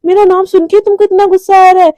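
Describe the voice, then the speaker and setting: Persistent young woman, playful and pleading, voiced by a woman storyteller, soft-toned, dry sound. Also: sits high, brisk, dry recording.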